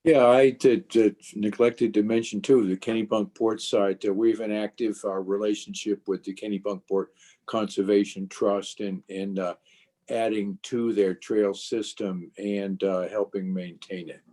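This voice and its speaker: A man's voice: on the low side, little pitch movement, measured pace, dark tone. A man on a video call, offhandedly adding a point. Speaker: club member. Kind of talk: casual remarks on a video call.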